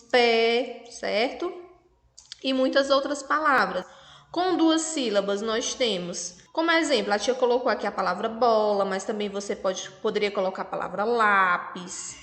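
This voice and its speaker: A woman with a Brazilian Portuguese accent, a primary school teacher slowly and patiently explaining a lesson to children. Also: a little high, fairly bright tone. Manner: patient, spells out syllables, asks checking questions. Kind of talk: slow remote lesson for children. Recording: echoey room with long reverb.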